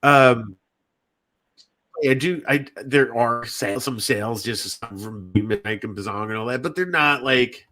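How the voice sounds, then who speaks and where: An indie fiction writer hosting a podcast talks casually, wandering off on tangents, repeating himself, cursing and making fun of himself. His mid-range voice is a little slow and sharp in tone.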